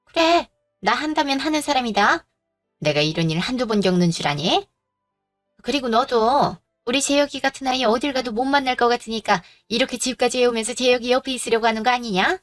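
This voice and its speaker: A greedy, domineering middle-aged mother-in-law snaps and makes demands in a pitched-up, condescending voice, as a woman acts her out. She talks down to everyone around her. Soft music plays beneath the audio drama. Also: animated, fairly quick, close to an everyday voice. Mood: demanding. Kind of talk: Korean audio drama acting.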